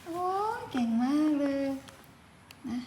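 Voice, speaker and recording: Filming a small child, a woman in the family talks to them casually, nudging them along with brief prompts she keeps repeating. She speaks slowly, with a dark tone, and the audio carries a roomy echo over faint background noise.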